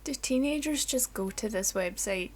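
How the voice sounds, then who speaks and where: Female co-host, a bit high-pitched, playful casual talk. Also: expressive, moderate pace. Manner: playful, laughs easily, teasing. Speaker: podcast co-host. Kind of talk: casual chat.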